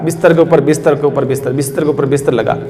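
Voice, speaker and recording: A man's voice: mid-range voice, fairly even intonation, fast talker, natural voice. Man doing a crafty, bossy husband. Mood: scheming. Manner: urgent, bossy instructions. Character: crafty husband plotting against a guest. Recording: reverberant hall, faint music.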